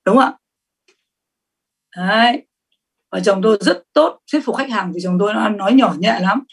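A middle-aged woman giving a sales training talk, lively and emphatic, often asking the audience questions. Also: medium pitch, normal speed, husky.

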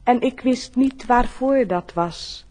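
Female reciter, fairly high voice, slow and solemn poetry declamation with weighty pauses. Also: a little mellow, slight background noise.

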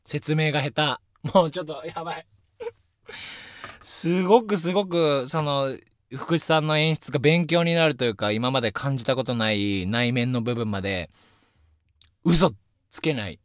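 Young male radio host, chatty and self-mocking, slightly high, very dry studio sound. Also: normal speed, dry recording. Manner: lively, animated storytelling with self-deprecating asides. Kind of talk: casual solo radio talk. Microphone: studio microphone.

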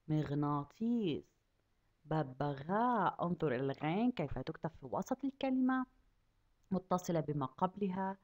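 A woman teaching a kindergarten class, asking the children questions and drawing out each word slowly so they can repeat it. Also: lowish voice, darkish tone, muffled recording. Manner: asks children questions and stretches out words slowly to model them. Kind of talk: lesson for young children.

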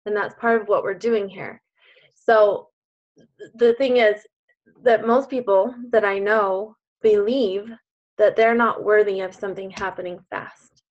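An earnest woman coach talks her online group through their beliefs, emphatic and encouraging at a medium pitch. Her voice comes over a video call with dull, lo-fi sound. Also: fairly even intonation, unhurried. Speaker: coach leading a group class.

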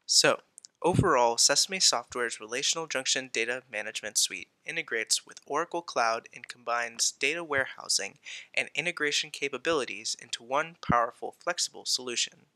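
Bright-voiced man summing up a product. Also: medium pitch, fairly quick, no room sound. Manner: reads a promotional summary point by point. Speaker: product presenter. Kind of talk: scripted product overview.

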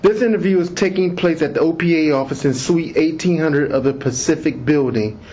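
A man, a police lieutenant, reads out a formal interview script slowly and deliberately, captured on an interview audio recorder. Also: on the high side, a little mellow. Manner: slow, deliberate, measured reading. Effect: interview taped on an audio recorder, like an interrogation tape. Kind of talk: formal official interview, reading set admonitions. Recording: muffled lo-fi interview recorder audio with faint hiss.

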